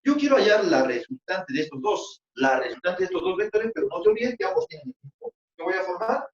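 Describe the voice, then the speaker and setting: A man's voice: high-pitched, big pitch swings, fast. A man with a Peruvian accent teaching a physics class, coaxing his students along with repeated questions. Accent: Peruvian Spanish. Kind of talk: online class lecture. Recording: roomy, distant, dull lo-fi sound.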